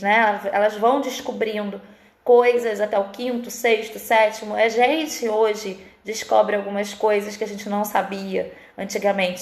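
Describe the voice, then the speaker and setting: A woman's voice: on the high side, echoey room. A Brazilian woman teacher giving a live online lesson, explaining at length and often ending her points with a questioning tag. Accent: Brazilian Portuguese. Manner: explanatory, frequent "né?" tags.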